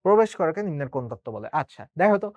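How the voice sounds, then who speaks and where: A young man teaching an exam prep lesson in a fast, chatty way, often correcting himself. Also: sits high, big pitch swings, a little mellow, no echo.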